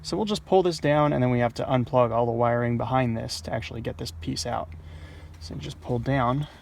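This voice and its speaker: Working on a car's dashboard, this man gives a relaxed, practical install guide in a mid-range, slightly mellow voice with some vocal fry. He moves briskly and talks in a plain-spoken way, with slight background noise behind him.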